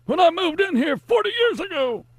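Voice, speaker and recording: A man voicing a cranky old man yelling at the neighborhood kids, in a high, strained shout. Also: big pitch swings, normal speed, dry recording. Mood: grumbling.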